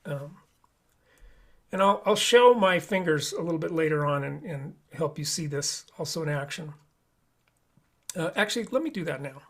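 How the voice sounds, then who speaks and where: A man's voice: on the high side, expressive, normal speed, pauses often, fairly bright tone. A man teaching a live online flute lesson, explaining each step patiently.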